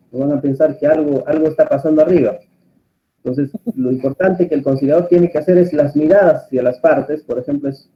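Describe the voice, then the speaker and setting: A man lectures to a class, his voice pitched a little above the usual. He keeps turning to his students with questions, in an even, teaching manner. The sound is muffled and lo-fi. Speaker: course instructor. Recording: muffled, lo-fi audio.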